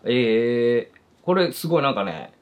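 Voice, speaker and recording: A man's voice: mid-range voice, lively intonation, measured pace. A man hosting a podcast who chats casually and reads listener letters aloud. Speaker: podcast host reading listener mail. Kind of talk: casual chat and letter reading.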